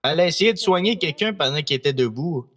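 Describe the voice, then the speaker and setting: A man's voice: a little high, animated, quick pace, fairly bright tone. A man playing a complaining hospital visitor in improvised role-play.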